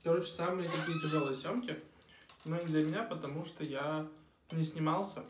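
A man's voice: a little high, steady tone, a little fast. Young man chatting while eating, roomy sound. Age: young adult. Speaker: vlogger. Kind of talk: casual mukbang chat. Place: small room at a dining table. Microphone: camera across the table. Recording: roomy, distant mic, clinking cutlery noise.

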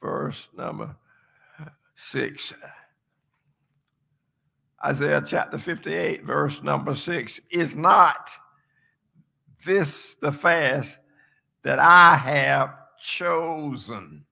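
Older preacher in a roomy, echoey sanctuary. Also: male voice, fairly high pitch, creaky, sharp tone. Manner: call-and-response preaching, drawn-out phrases. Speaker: pastor. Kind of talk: sermon. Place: large church sanctuary, on a stage at a pulpit. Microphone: handheld mic, then pulpit mic, far camera. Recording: echoey sanctuary, mic off at a distance, music behind.

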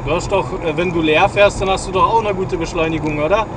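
A man's voice: high voice, quick pace. Man chatting over CB radio. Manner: relaxed, chatty, with frequent hesitations. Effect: heard over CB radio. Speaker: driver on the highway. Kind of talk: casual chat. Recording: distant CB radio voice with heavy road noise.

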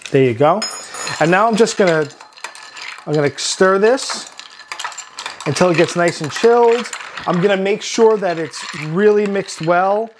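A chef with a Long Island accent hosting a cooking demonstration, relaxed, often ending points with "right?". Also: male voice, high voice, unhurried, pauses often, noisy background. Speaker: chef and host.

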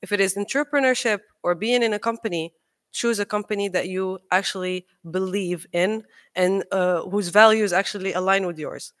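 On a big auditorium stage, a young Moroccan engineer gives a sincere, persuasive conference talk at normal speed through a podium microphone. The voice is medium in pitch and somewhat bright, and the speech is filled with ums and uhs.

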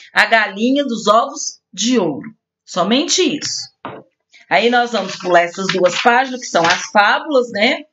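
A woman's voice: a little high, a bit bright. A woman with a Brazilian accent, a primary school teacher going through homework corrections for children, affectionate and sing-song, drawing out words syllable by syllable. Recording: dull lo-fi home recording.

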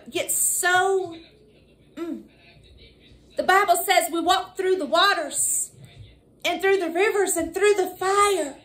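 A woman preaching a fervent sermon, crying out hallelujah and woo, calling listeners y'all and drawing scripture lines out slowly. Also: extremely high pitch, a bit bright. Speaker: evangelist preacher.

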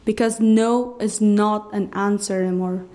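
A young Afghan woman earnestly tells a personal story in English from the stage of a cultural centre, speaking into a podium mic on a stand. She delivers it phrase by phrase, emphatic and pausing between phrases, in a mid-range, dark-toned voice with fairly even intonation.

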